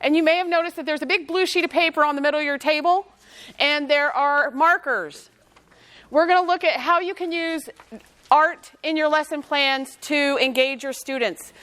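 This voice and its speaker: High-voiced woman presenting to teachers. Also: normal speed, fairly bright tone. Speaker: workshop presenter. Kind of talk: live teacher training session.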